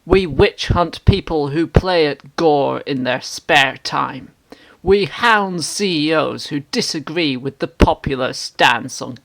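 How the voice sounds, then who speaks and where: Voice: mid-range voice, a bit bright. A performer playing a hammy, indignant stage actor, declaiming internet comments in a grandiose, theatrical way. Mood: grave, declaiming. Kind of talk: dramatic reading of internet comments.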